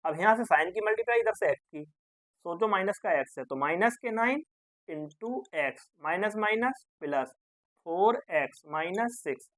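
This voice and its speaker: A man's voice: high voice, animated, normal speed, a bit bright, no echo. A man teaching maths step by step, coaxing his students and asking and answering his own questions. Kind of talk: step-by-step classroom explanation.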